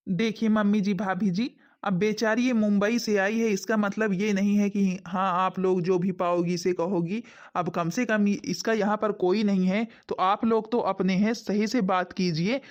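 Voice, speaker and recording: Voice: medium pitch, fairly even intonation, normal speed, few pauses, natural voice. A performer playing a young husband who reasons with his family to defend his new wife in a skit. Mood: pleading. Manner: pleading, reasoning. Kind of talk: village family skit acting. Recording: dull lo-fi sound.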